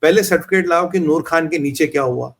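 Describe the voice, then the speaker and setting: A man's voice: fairly high pitch, fast, slight background noise. A man with an Indian accent speaking as a guest commentator on a political talk show, blunt, combative and mocking.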